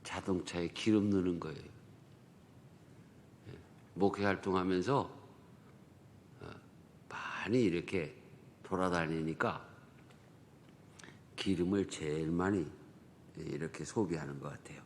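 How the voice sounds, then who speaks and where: Speaking at a measured pace and pausing often, a low-pitched male pastor preaches a conversational dawn prayer sermon in a Chungcheong Korean accent, full of rhetorical questions and dialect humor. The sanctuary's long reverb carries his words, with a little background noise.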